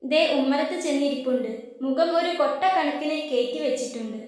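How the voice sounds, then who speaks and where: A woman voicing a fussing, doting middle-aged mother in a storybook tale, gently complaining, in a very echoey room. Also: high voice, fairly quick, lightly acted.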